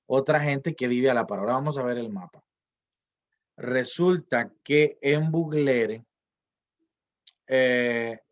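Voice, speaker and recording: A man's voice: medium pitch, highs cut off. A man giving a recorded online class, hesitant, with many fillers and restarts and rhetorical questions. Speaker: lecturer.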